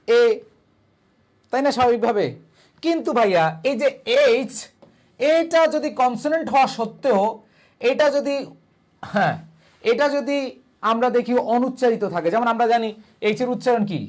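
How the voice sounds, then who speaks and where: High-voiced man tutoring grammar. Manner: quizzing students with rhetorical questions, answering them himself; reassuring, coaxing tone toward students. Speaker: English admission-test tutor. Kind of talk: online grammar lesson.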